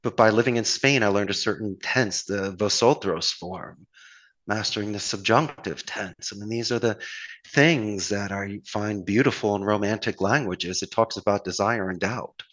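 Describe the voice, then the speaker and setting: A man from the Philadelphia area of the United States, with a Philadelphia accent, offers friendly, rambling advice in a casual chat. His voice is on the low side at normal speed, and he comes across as animated, folksy and encouraging, often restarting his sentences; the audio is poor.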